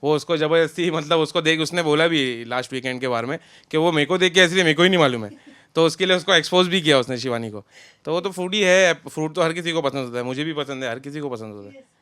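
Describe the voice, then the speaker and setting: A man's voice: on the high side, fast talker, clear, resonant tone, no echo. A young man, chatting loosely as an interview guest about a friend. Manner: relaxed, talks in loose run-on sentences. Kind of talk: casual interview chat.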